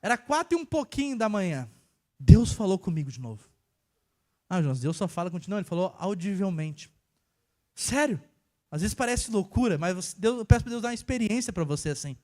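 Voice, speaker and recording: A young man from preaching a casual sermon, telling a personal story and swinging between hushed and emphatic delivery. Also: high-pitched, big pitch swings, a little fast. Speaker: church worker preaching.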